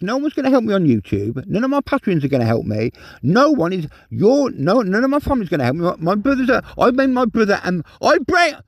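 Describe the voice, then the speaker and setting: A man's voice: sits high, no room sound. A man from England ranting in an agitated personal monologue, repeating himself and swearing in emotional outbursts. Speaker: vlogger.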